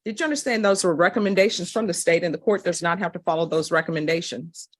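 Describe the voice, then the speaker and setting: A woman presiding as judge in a courtroom recording, putting formal questions in a brisk, businesslike way. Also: fairly low pitch. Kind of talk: formal plea hearing questioning.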